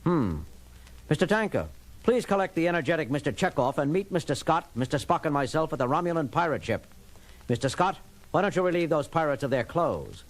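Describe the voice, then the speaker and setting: An actor playing a confident, commanding starship captain in a 1970s audio drama. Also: male voice, fairly high pitch, animated, a little fast, natural voice. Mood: assured. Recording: vintage 1970s record, loud music behind.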